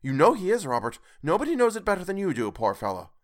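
A sharp-tongued, indignant mother, put on by a male narrator with a raised, biting voice in a storybook reading. She is scornful and fast with her words. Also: high voice, huge pitch swings, pitched above the performer's own voice.

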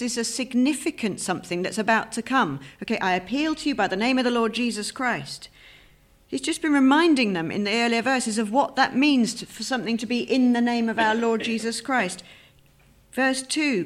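A woman giving an earnest, emphatic sermon that explains a Bible passage. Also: on the high side. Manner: earnest, emphatic expository preaching. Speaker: preacher.

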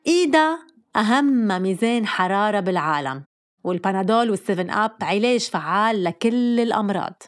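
A woman's voice: mid-range voice, expressive, brisk. A woman with a Lebanese accent delivering a wry, teasing comedic monologue.

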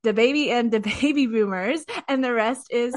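A woman's voice: on the high side, moderate pace. Gushing woman podcast host. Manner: enthusiastic, gushing. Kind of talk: podcast interview.

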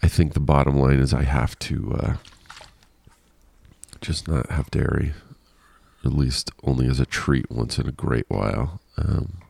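A man with a low, creaky, dark voice hosts a casual solo podcast, rambling and self-deprecating with frequent laughs, and he sounds congested and nasal. There's no room sound.

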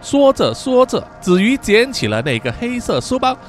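A male storyteller from Southeast Asia with a high, very animated voice, spinning a suspenseful horror tale. His pitch swings widely for drama. Soft music plays beneath him. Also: moderate pace. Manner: suspenseful, expressive.

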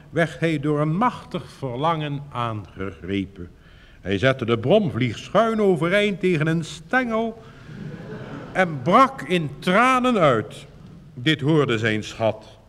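A man reading a fairy tale aloud in a slow, lilting storytelling manner. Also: on the high side, sing-song, fairly bright tone. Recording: reverberant recording with faint hiss.

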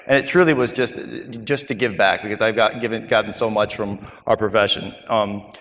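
A man's voice: on the low side, a little fast, fairly bright tone, long reverb tail. A man who hosts a dental podcast, talking casually with easy banter as he shares his own story with a group. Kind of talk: personal story told to a group.

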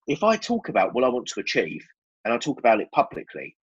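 A man's voice: mid-range voice, huge pitch swings, quick pace, husky, muffled recording. A man with an Essex accent giving candid, explanatory answers as a guest in a conversational interview. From Essex, England. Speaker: podcast guest, business owner.

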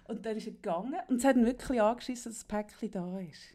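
A woman telling a story in casual chat, animated and ending lines with tag questions. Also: fairly high pitch, quick pace.

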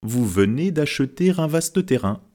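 A man voicing a modest, shrewd literature teacher who reads fortunes from written characters, speaking calmly and explaining. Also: fairly high pitch, measured pace, voice pushed up. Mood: knowing.

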